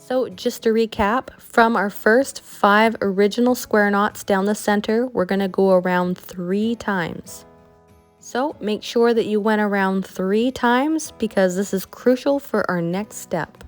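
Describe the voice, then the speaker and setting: A woman's voice: medium pitch, a little slow, faint music behind. A woman with a Canadian accent, explaining a craft project step by step in a friendly, chatty way. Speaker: craft instructor. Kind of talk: tutorial voice-over.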